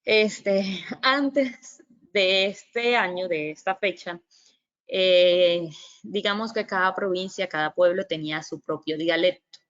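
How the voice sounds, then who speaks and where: In a voice on the low side, a Mandarin language presenter patiently covers the basics in a virtual lecture, with frequent fillers. She models tones by sounding syllables aloud. Her video-call computer mic produces slightly dull, lo-fi audio.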